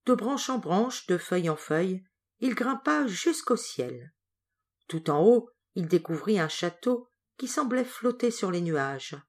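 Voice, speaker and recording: Expressive woman reading a fairy tale. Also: on the low side. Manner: expressive storytelling. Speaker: audiobook reader. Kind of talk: scripted narration of a folk tale.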